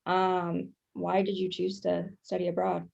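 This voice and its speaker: Low-voiced young Canadian woman host. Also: monotone, vocal fry, darkish tone, lo-fi sound. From Calgary, Canada. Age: young adult. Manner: friendly, filler-heavy, quick asides. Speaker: student co-host. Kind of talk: casual interview hosting.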